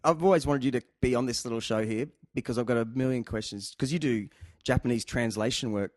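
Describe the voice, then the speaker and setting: Man, Australian accent, show host, casual conversation, teasing, rambling, mid-pitched voice, dry recording. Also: quick pace, a little mellow, dry recording. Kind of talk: casual chat interview.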